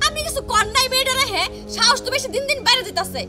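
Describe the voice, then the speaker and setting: Shrill scolding village stepmother, acted by a woman. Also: lively intonation, rapid-fire. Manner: shrill scolding, threatening, mocking. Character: harsh bitter village stepmother, scolding and cruel. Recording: music playing under the voice.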